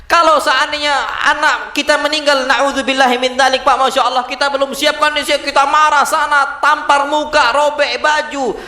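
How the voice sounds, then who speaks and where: A male preacher giving a lively mosque sermon, posing rhetorical questions to his listeners and answering them himself, with Arabic quotations mixed in. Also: very high-pitched. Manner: addresses listeners as "Pak", quotes Arabic sayings. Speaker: Islamic preacher. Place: mosque hall. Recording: echoey mosque hall.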